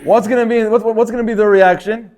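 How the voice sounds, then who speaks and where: Guy giving a torah class, high voice, lively, keeps repeating himself. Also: fast. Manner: animated, repeats words often, acts out quotes. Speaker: rabbi teaching a Torah class. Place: synagogue.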